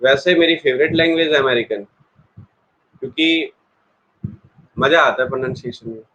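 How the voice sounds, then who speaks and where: A man's voice: medium pitch, moderate pace, pushed and bright, lo-fi sound. A man teaching an online exam-prep English class in a chatty way, explaining with everyday examples and talking straight to his students.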